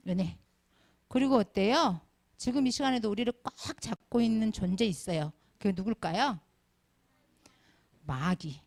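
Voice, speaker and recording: Lively woman preaching to children. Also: mid-range voice, vocal fry. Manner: asks the children constant questions, animated. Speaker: Sunday school preacher. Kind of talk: children's sermon.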